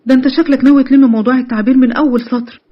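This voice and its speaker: A woman's voice: sits high, fairly even intonation, highs cut off. A woman voicing a witty, protective young best friend who teases and bosses in an Egyptian accent. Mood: teasing. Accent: Egyptian Arabic. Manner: teasing, brisk, commanding.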